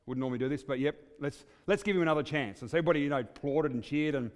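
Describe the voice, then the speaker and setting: This guest preacher's voice sits on the high side and moves very fast as he tells stories in his sermon at a church service. His delivery is chatty and halting, packed with fillers, and it echoes with the long reverb of a cathedral-like church.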